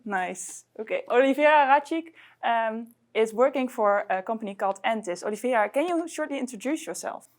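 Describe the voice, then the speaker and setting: A woman hosting a webinar, introducing the guest in a brisk, scripted way. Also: a little high, lively intonation. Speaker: host.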